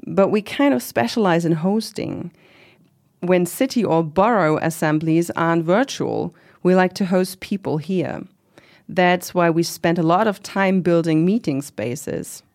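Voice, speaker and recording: A woman's voice: fairly low pitch, a little slow, darkish tone. A woman playing a proud middle-aged commune organizer in an interview drama, talking in a casual, reflective, lightly wry way. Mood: proud, explanatory. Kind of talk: conversational oral-history interview acting.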